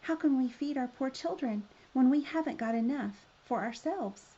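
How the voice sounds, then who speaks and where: A woman reading the part of a poor, worried woodcutter father in a storybook, soft-hearted and anxious. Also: sits high, moderate pace, breathy edge, lo-fi sound, voice pushed up. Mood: anxious, pleading.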